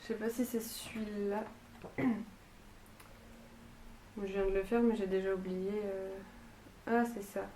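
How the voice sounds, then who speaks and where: Speaking slowly with long pauses, this woman has a steady, mellow mid-range voice and a northern French accent from Lille. She's a vlogger who sews and knits, talking informally to the camera about her sewing in a bay-windowed room at home, stumbling with fillers and restarts. The sound is reverberant with a bit of background noise.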